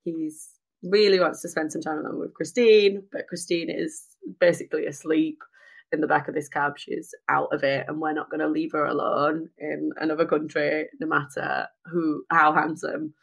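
A woman co-hosting a podcast, chatting casually and telling a lively story, acting out the voices of the people in it. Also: sits low, normal speed, vocal fry. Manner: animated storytelling with quoted voices. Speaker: podcast co-host. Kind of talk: casual chat.

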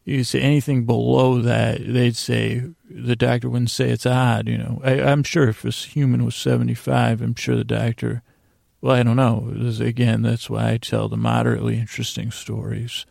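This man hosts a bedtime podcast, rambling through a digressive monologue meant to lull listeners to sleep, halting often and letting thoughts trail off. His creaky, gravelly voice is mid-range, level, and darkish in tone. The studio recording is clean, with no room sound.

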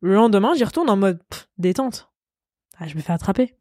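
A woman's voice: medium pitch, expressive, a little fast, darkish tone, dry recording, clean studio sound. A young woman co-hosting a casual chat podcast, playful and teasing with lots of slang. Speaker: podcast co-host.

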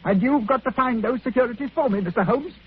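A man's voice: very high voice, fast talker, slight background noise. An actor playing a self-pitying, miserly old man who grumbles and complains, in 1940s radio acting. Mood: complaining. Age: older. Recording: tinny old radio broadcast.

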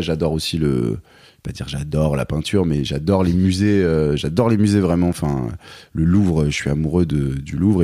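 Very deep-voiced hesitant man. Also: dark tone, no echo, studio quality. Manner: hesitant, many fillers and restarts. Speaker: guest, songwriter and performer. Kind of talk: casual interview chat.

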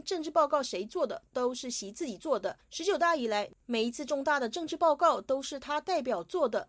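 Lady reporter reading news, high voice, dry close sound. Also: dry recording. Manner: steady, formal reading. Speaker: radio reporter. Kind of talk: scripted news narration.

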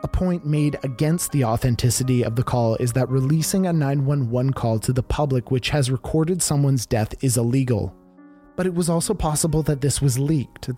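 A man with a dark, mellow tone narrates a scripted mystery podcast. He talks to his listeners as a conspiratorial storyteller sharing creepy tales. Music plays faintly behind his mid-pitched voice.

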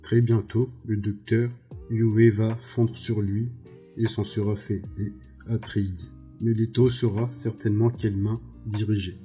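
A cruel, scheming baron, read by a man who talks slowly and with mockery. The voice is dark and low with little melody. The audio is slightly dull, with faint music underneath. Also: flat delivery, lightly acted. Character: cruel scheming male baron, older, menacing.

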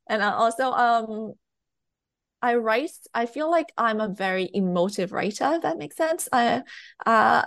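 A young Thai woman, speaking English as her second language, chats hesitantly as a guest novelist in a casual interview, using many fillers and laughing a lot. Her voice is mid-range and gravelly, recorded at studio quality with no echo.

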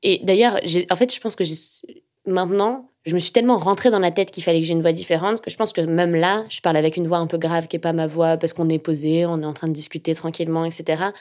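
A young woman speaks with a slightly nasal tone pitched a little low. She recounts her experiences calmly, pausing often and filling gaps with hesitations. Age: young adult. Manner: thoughtful, many fillers and hesitations. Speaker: journalist. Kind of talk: casual personal storytelling.

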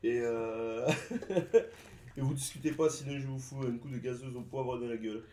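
A man playing a bossy highway police officer who barks curt, threatening orders. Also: moderate pace, reverberant, far from the mic, very noisy, natural voice. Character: gruff male highway cop, bossy.

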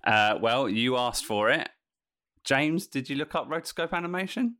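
A man's voice: mid-range voice, lively intonation, moderate pace, sharp tone, no room sound, clean studio sound. A man hosting a casual podcast chat, jokey and punning, laughing often between lines. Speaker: podcast host.

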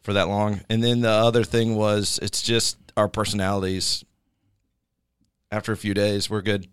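A man's voice: on the low side, little pitch movement, normal speed, smooth, dry recording, studio quality. A middle-aged man hosting a casual podcast chat, joking and rambling, with a habit of telling puns.

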